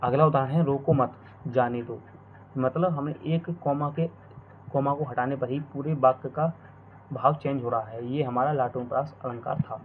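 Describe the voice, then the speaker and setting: A male teacher explaining a grammar lesson, repeating each definition and example slowly. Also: medium pitch, steady tone. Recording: tinny phone-like audio, faint noise.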